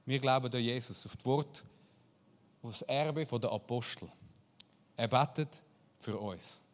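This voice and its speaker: A man's voice: medium pitch, a little slow. A Swiss man with a Swiss German accent, preaching a sermon as a pastor and talking to the congregation in a conversational way. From Switzerland. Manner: conversational, addresses listeners directly. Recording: long hall reverb.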